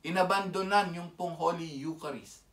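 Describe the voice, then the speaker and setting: A high-pitched man with a Filipino accent delivers an emphatic lay sermon, firing rhetorical questions at his listeners. He is recorded from a distance in a roomy, echoing space. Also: moderate pace, a bit bright. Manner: emphatic, keeps asking the audience rhetorical questions. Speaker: lay preacher. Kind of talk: Taglish sermon commentary. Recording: echoey room, mic set far off.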